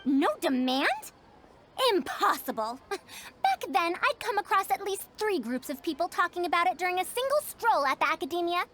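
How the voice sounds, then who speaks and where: In a video game, a woman with a very high, expressive, slightly bright voice plays a bookish, fussy scholar who sounds young. At a moderate pace she speaks formally, with emphatic, old-fashioned phrasing, indignant and dismayed about her beloved books.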